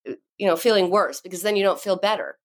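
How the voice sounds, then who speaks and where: A middle-aged woman, an author and podcast guest, telling a story about her daughter and acting out its lines in high voices. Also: fairly quick. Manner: acts out quotes in high voices. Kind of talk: podcast interview.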